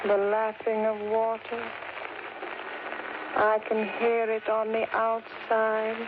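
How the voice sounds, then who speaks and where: A woman's voice: on the high side, completely flat delivery, takes it slowly. An actress playing a haunted young woman entranced by a vampire, in a dreamy, trance-like 1930s radio drama manner. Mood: hypnotized. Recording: noisy, narrow 1930s radio recording.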